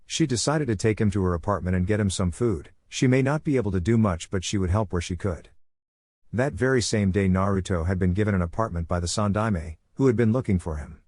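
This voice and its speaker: A man reading a fan-written story aloud in a steady, even narration. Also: on the low side, brisk, dry recording, clean studio sound.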